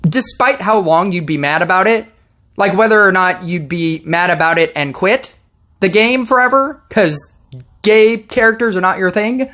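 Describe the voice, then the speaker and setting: Woman gaming youtuber ranting, sarcastic and fed up, mid pitch. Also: normal speed, fairly bright tone. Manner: sarcastic, exasperated. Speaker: mobile game YouTuber. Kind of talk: ranting commentary.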